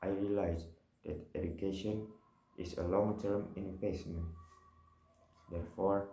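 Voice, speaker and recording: Young man, Indonesian accent, student reading a class monologue, very low voice, slow careful phrasing, roomy echo. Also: steady tone, creaky, mellow. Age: young adult. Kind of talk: read-aloud monologue for a class assignment.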